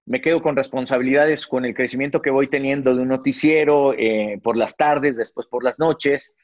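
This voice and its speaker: A man's voice: medium pitch, fairly even intonation, normal speed, dry recording. A middle-aged man, a sportscaster guest recalling his career in an interview, with frequent fillers and restarts. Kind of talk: reflective interview storytelling. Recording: dry, slightly dull recording.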